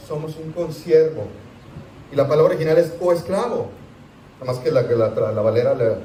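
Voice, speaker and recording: A man, a pastor, teaching a Sunday school class in a conversational, animated way, asking his listeners rhetorical questions. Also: on the high side, slight background noise. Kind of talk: sermon teaching. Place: church hall. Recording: echoey church room, distant mic.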